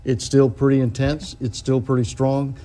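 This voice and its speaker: A man's voice: medium pitch, level tone, moderate pace, warm tone. A man working as a TV weather forecaster, explaining forecast models off the cuff and often rephrasing as he goes. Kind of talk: unscripted forecast analysis.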